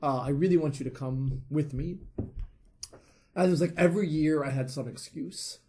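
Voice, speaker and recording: A man guesting on a podcast, telling a story in a relaxed way with many fillers. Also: fairly high pitch, normal speed, a little hiss or hum. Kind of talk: casual storytelling.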